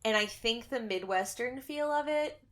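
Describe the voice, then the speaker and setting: A woman's voice: fairly high pitch, normal speed, fairly bright tone. A young woman co-hosting a podcast, chatting casually about a horror film and rambling with lots of fillers. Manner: rambling, heavy on 'um' and 'like'. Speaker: podcast co-host. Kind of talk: casual film review chat.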